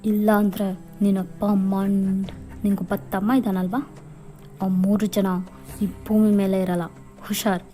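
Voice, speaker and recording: A woman's voice: medium pitch, level tone, measured pace, pauses often, warm tone, faint music behind, close to an everyday voice. A woman voicing a ruthless, domineering rich father who coldly threatens a young woman in a fan fiction voiceover. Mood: menacing.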